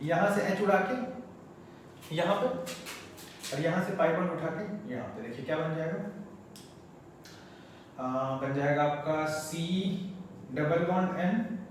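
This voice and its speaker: A male chemistry teacher, lecturing at the board in a chatty, coaxing way and repeating terms slowly for students. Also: fairly high pitch. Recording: very echoey room, mic far off, faint noise.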